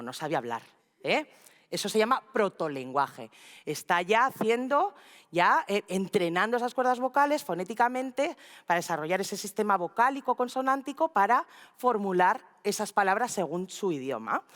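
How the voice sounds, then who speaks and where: Animated woman lecturing in a big hall. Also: mid-range voice. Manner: animated, playful, acts out quoted voices. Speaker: speaker. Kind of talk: conference talk. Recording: reverberant hall.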